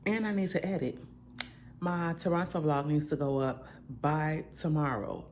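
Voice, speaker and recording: A woman hosting her vlog from home in a relaxed, chatty, slangy way, still in her groggy morning voice. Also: low voice, normal speed, a little hiss or hum. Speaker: vlogger host. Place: at home, indoors.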